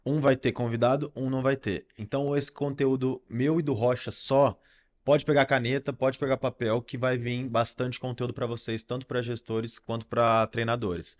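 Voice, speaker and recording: A man's voice: medium pitch, level tone, moderate pace. Enthusiastic man co-hosting a podcast. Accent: Brazilian Portuguese. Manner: enthusiastic, urges listeners directly, slangy. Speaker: podcast co-host. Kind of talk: casual podcast talk.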